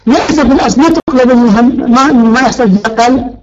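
A man's voice: very high voice, fast talker, a little mellow, muffled recording. A male teacher giving a grammar lecture, stretching out key words and quizzing his students. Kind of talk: Arabic morphology lecture.

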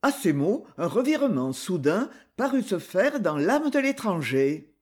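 A man reading an adventure novel aloud as an expressive audiobook narrator. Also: high-pitched, a little slow. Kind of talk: scripted narration.

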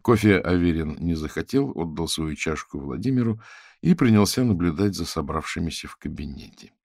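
Deep, gravelly male audiobook narrator. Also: animated, fairly quick, a little mellow, no room sound, clean studio sound. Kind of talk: scripted narration.

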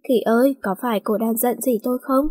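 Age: young adult man, voiced by a woman. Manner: gentle, coaxing, earnest. Sound: mellow, slightly husky, dry close recording, storybook reading. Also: on the high side, fairly even intonation, brisk, no room sound. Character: young man, teasing then tender.

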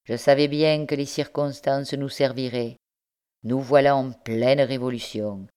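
A woman's voice: very deep voice, steady tone, measured pace, mellow, smooth. A woman reading the part of a scheming male spy in an audiobook, assured and sneering.

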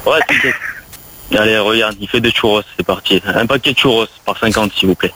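A man's voice: lowish voice, very noisy. A man playing along in a crude radio improv game, talking in a brash, swaggering way. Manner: brash, swaggering, rapid-fire.

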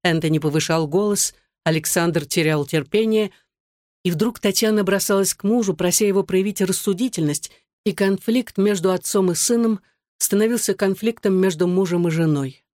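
Measured audiobook narrator. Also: mid-range voice, a little mellow, no room sound, clean studio sound.

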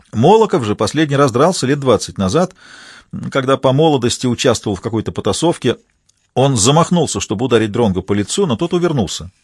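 A man narrating a detective novel as an audiobook, in an even, steady storytelling manner. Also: mid-range voice, no echo, clean studio sound.

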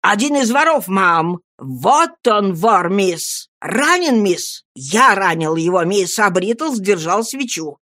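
A woman's voice: medium pitch, sing-song, takes it slowly, hardly any pauses, fairly bright tone, no echo, studio quality, full character voice. Woman doing a pompous old male servant. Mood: excited boastful. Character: pompous elderly male servant, flustered yet boastful.

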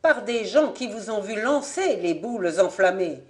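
A reader voicing a male interpreter, formal and clipped, pitched higher and louder than the narration. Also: expressive, a little slow.

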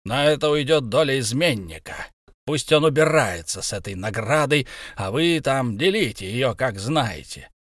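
A grim, wrathful dwarf king, read by a male narrator in a plain mid-pitched voice. He speaks with stiff pride and harsh edges. The sound is dry and close, like a storybook reading. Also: expressive, normal speed, a bit bright, no room sound. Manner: stern, proud, harsh.

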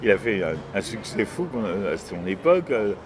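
A man, a singer-songwriter guest, talking in a casual radio conversation, animated, opinionated and a bit cynical. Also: lowish voice, moderate pace, music in the background. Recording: busy crowd noise behind.

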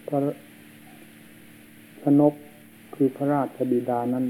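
A man, a monk, giving a slow and solemn sermon, heard on an old worn tape. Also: phone-quality sound, slight background noise. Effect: old worn tape recording.

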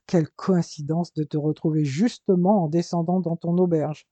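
A narrator voicing a calm, wry middle-aged man back from abroad, in a dull lo-fi recording. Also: medium pitch, normal speed, no echo, lightly acted. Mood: fond.

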